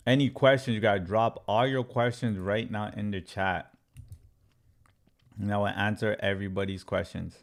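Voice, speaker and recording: Man from congo, very deep voice, gravelly, live-stream trading teacher, repeats himself for emphasis. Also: fairly even intonation, moderate pace. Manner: repetitive, emphatic, walks through a chart step by step. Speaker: crypto trading educator. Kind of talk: live-stream Q&A, answering chat.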